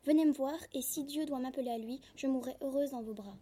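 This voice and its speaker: A woman's voice: high-pitched, fast, mellow, slight background noise, close to an everyday voice. A woman reading aloud the formal, earnest lines of a wounded young stranger in hiding. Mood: pleading.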